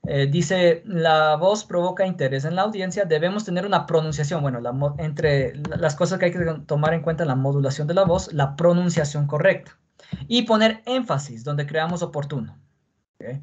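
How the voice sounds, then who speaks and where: A man's voice: on the high side, a little mellow, lo-fi sound. A male teacher explaining a lesson patiently and often checking in with the class.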